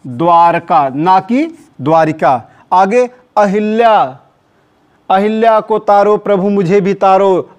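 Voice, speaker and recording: A man teaching a Hindi spelling lesson for exam prep, quizzing the listener and repeating each correct answer for emphasis. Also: high voice. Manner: recites short Urdu couplets between examples.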